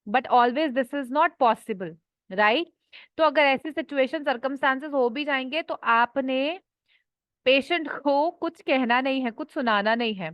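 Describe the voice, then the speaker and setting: A woman's voice: sits high, dry recording, muffled recording. A woman teaching an online class, reading out a list of names one at a time. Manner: slow, listing names one by one.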